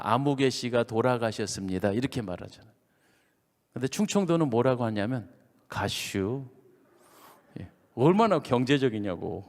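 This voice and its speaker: A pastor from Chungcheong with a Chungcheong accent, telling a revival sermon in an animated storytelling way, dropping to hushed asides. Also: male voice, mid-range voice, big-room sound. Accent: Chungcheong Korean. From Chungcheong, Korea. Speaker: senior pastor. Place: church sanctuary.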